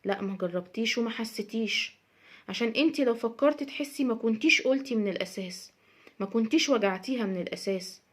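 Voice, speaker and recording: Fast-talking Egyptian woman giving advice. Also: on the high side. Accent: Egyptian Arabic. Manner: emphatic, repeats her points. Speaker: social media advice speaker. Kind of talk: casual advice monologue.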